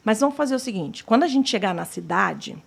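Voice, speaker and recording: Woman, fairly high voice, telling her story and doing the back-and-forth dialogue. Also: lively intonation, a little fast, vocal fry, slightly rough. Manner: retells scenes by acting out quoted dialogue. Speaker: guest giving a testimony. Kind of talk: personal testimony, storytelling.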